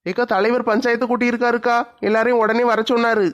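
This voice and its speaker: A woman's voice: a little high, little pitch movement, quick pace, highs cut off, pitched below the performer's own voice, natural voice. A woman puts on a village lad in a comedy skit, pushing her voice far down. He asks puzzled questions and calls out. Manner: puzzled, calling out. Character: young village man, curious messenger.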